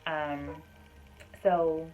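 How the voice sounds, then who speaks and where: A woman's voice: low voice, flat delivery, extremely slow, phone-quality sound, a little hiss or hum. A young woman casually recounting a personal story to her viewers, chatty, with frequent fillers and addressing them as "y'all". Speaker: vlogger sharing her birth story.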